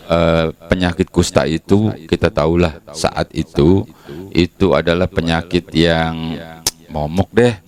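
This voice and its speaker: A man's voice: deep voice, a little mellow. A man preaching a casual, chatty sermon as the church's pastor, often acting out quotes. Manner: chatty, conversational, acts out quotes.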